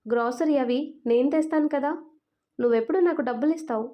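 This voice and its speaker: A worried, suspicious older mother in an audio storybook, voiced by a woman. She fires off anxious questions in a high voice. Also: quick pace, dull audio, close to an everyday voice.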